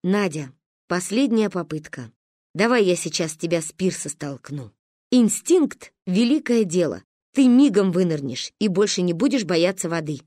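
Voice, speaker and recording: A woman voicing a joking, bossy middle-aged father in a storybook reading, lowering her voice as she talks him through. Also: lively intonation, moderate pace, darkish tone, dry recording, studio quality. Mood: coaxing.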